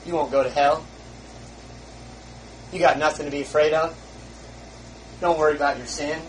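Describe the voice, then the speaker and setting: A man's voice: on the high side, fairly even intonation, normal speed, slight background noise, natural voice. A man voicing the devil as a sly male tempter, soothing and persuasive. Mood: coaxing. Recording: roomy, far from the mic.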